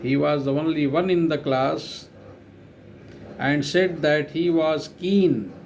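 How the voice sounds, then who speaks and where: A man's voice: a little high, slow pace, darkish tone, slight background noise, poor audio. A male teacher giving a dictation lesson, repeating each phrase and spelling words out letter by letter.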